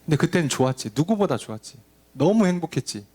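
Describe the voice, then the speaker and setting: A middle-aged man preaching a sermon with a lively, swinging voice that climbs high on a point and then sinks to a low, quiet murmur. He speaks a little high for a man and questions his listeners directly. The delivery is animated preaching. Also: fast talker. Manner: animated preaching, drops to a low murmur for emphasis, acts out quoted lines. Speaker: pastor.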